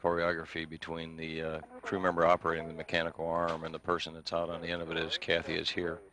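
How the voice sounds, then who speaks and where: A man with a low, monotone voice explains a space mission as live commentator. He is a little halting, and background chatter sits clearly behind him.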